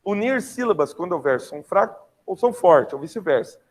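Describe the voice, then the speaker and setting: A young adult man teaches online with a Brazilian Portuguese accent, keeping things lively and slangy and regularly checking on his students. His voice is high-pitched and he speaks a little fast.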